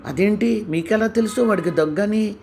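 A man's voice: sits high, moderate pace, darkish tone, soft background music, voice pushed up. A man putting on a fussing old mother. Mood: delighted. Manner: fussing, pleading. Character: worried elderly mother, doting and anxious.

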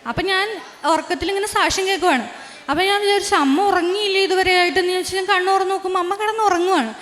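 A young woman giving a personal religious testimony in an earnest, halting storytelling manner with frequent restarts. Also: very high voice, fairly bright tone, a little hiss or hum. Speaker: testifying believer. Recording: reverberant room.

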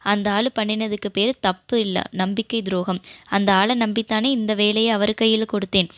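Woman reading as stern quick-tempered male boss. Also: medium pitch, level tone, no echo, muffled recording, natural voice. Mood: angry. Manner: sharp, scolding, commanding.

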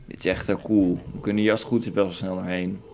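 A man's voice: low-pitched, little pitch movement, quick pace, creaky, darkish tone, a little hiss or hum. A young man with a Dutch accent commentating his own game playthrough in a crude, rambling, joking way. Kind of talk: casual let's play commentary. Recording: faint game music behind.

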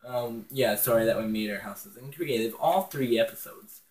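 A man's voice: medium pitch, normal speed, darkish tone. A teenage boy at home in his bedroom, rambling and giggling through casual game commentary, recorded on a phone on a stand. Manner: rambling and giggly, with many ums. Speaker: gaming channel host.

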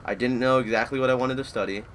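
A young man in his twenties talks casually over a shooter match, drifting between personal chat and reacting to the game. His voice sits at an everyday middle pitch, with faint game noise underneath. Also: steady tone, fast, a bit bright. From Florida, USA. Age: 20s. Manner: rambling, easily distracted by the match. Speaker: gaming YouTuber. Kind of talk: live gameplay commentary.

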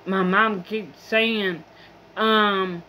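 A woman's voice: mid-range voice, steady tone, extremely slow, sharp tone, slight background noise. A young woman vlogger in a rambling, profane, complaining monologue. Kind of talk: casual venting monologue.

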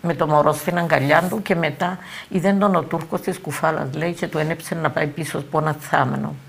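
An older woman with a Cypriot Greek accent giving halting eyewitness testimony, repeating words and phrases as she talks. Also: low-pitched, steady tone, vocal fry, breathy edge. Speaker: eyewitness interviewee.

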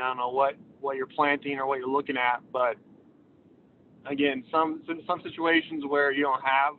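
Calling in while driving on the interstate, a man gives an informal presentation about weed control, sounding hesitant and filling gaps with lots of filler sounds. The phone line is tinny, with road rumble and vehicle noise from the moving car in the background.

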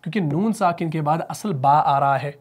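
A man with a Pakistani Urdu accent teaching a tajweed lesson, patiently explaining and asking and answering his own questions, with slow chanted recitation of verses. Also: on the high side.

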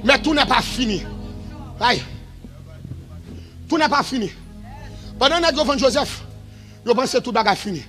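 A man preaching a revival sermon in a shouted, sing-song style that falls to quieter stretches. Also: very high-pitched, animated, unhurried, long pauses, faint music behind.

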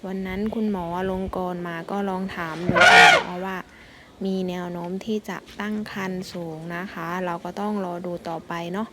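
Give me a woman, talking in a friendly, polite way while filming her elephants outdoors on a phone. She keeps up a casual running commentary. Clear background noise from outside sits behind her voice. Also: lowish voice, steady tone, normal speed. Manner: polite, chatty, often coos at the elephants. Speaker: elephant keeper filming a vlog. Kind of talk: casual narration to camera. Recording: noisy outdoor recording.

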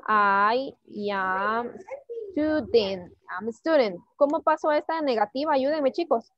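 A woman's voice: a little high, takes it slowly, no echo, dull audio. A woman teaching an online English class, patiently coaxing her pupils and mixing Spanish with English phrases.

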